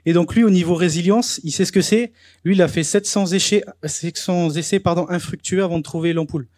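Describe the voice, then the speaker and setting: A man's voice: high voice, steady tone, a little fast, a little mellow, dry recording, studio quality. A young man hosting a talk event, speaking casually with frequent hesitations. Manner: chatty, hesitant, with many fillers. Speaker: event host. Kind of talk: presentation to a live audience.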